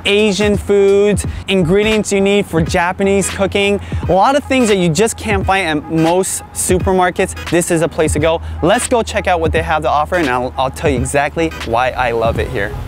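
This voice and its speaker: A man's voice: high voice, moderate pace, few pauses, soft background music. A man in his thirties hosting an enthusiastic grocery store tour vlog, talking straight to camera on a lapel mic. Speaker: vlog host. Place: indoor supermarket aisles, some shots outside.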